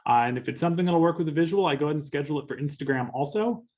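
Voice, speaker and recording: A man with a Californian accent giving a relaxed social media workshop, chatty and easygoing. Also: fairly high pitch, rapid-fire. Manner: chatty, laughs easily, restarts phrases. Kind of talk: casual workshop talk.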